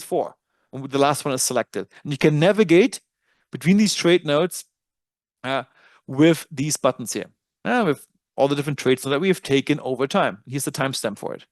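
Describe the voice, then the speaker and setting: German guy demoing a trading dashboard, casual, kinda high voice, bouncy, dry mic. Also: no room sound. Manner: casual, self-correcting, occasional laughs. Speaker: webinar presenter. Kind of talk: software tutorial walkthrough.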